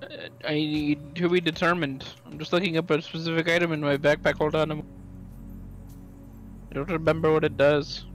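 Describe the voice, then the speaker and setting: A man with a somewhat higher voice plays a tabletop role-playing game. He talks casually in and out of character, halting and hesitant, over faint music. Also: flat delivery.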